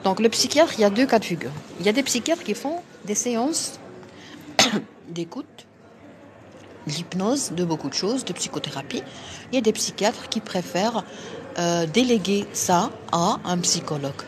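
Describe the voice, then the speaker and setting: Moroccan-accented woman doctor, live-stream host, forceful and repetitive, a bit tired. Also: medium pitch, expressive, moderate pace, noisy background. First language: Arabic. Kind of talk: live-stream talk to viewers.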